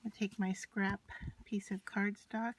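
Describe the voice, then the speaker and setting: A woman with a mid-range voice and flat, unhurried delivery presents a casual, unscripted craft tutorial, talking through each step as she works with her materials. Scratching and clicking from handling them is clearly audible in the background.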